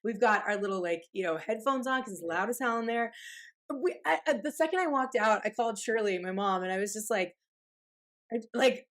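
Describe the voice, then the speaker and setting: A woman in her thirties co-hosting a casual podcast, telling stories with animated energy. Her voice sits a little high, and she swears and laughs easily as she talks. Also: a little fast. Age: 30s. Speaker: podcast co-host. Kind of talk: casual chat.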